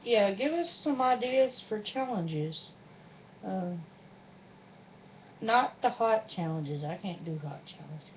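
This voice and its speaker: A woman hosts a casual challenge vlog, chatting with a partner in an informal, folksy, self-deprecating way from indoors at home, in a room with a refrigerator. Her medium-pitched voice is animated but slow, with long pauses. The sound is dull and lo-fi with faint noise.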